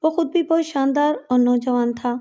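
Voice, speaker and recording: A woman narrating a dramatic first-person story with an expressive reading. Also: high-pitched. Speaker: narrator and voice-over artist.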